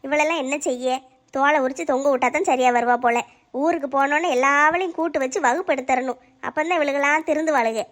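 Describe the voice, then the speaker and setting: Woman putting on a grumbling old grandmother, scolding, high voice. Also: quick pace, close to an everyday voice. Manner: complaining, scolding.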